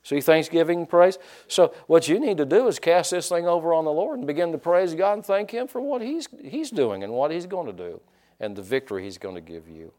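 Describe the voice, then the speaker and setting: A man pastor preaching a sermon in a folksy, animated way, acting out quotes and leaning on "you know". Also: fairly high pitch, a little fast.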